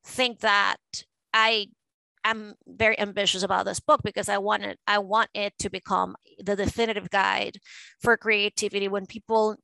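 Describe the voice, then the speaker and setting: Venezuelan-born woman, 40s, some vocal fry, chatty and emphatic, lots of ums. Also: mid-range voice, level tone, moderate pace, bright, forceful tone, no room sound, low-quality recording. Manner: fluent, emphatic, with frequent fillers. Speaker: guest, art advisor and curator. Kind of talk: conversational interview.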